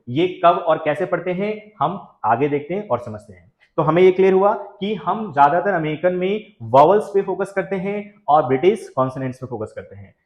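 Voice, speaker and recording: A man teaching an English lesson who explains patiently, asks the class questions and mixes English phrases into his talk. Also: fairly high pitch. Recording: echoey, muffled room recording.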